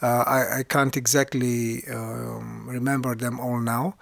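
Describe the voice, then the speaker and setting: A man co-hosting a casual podcast who teaches music, talking in halting bursts with frequent restarts. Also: medium pitch, level tone, vocal fry, fairly bright tone, dry recording, clean studio sound. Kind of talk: casual conversational podcast chat.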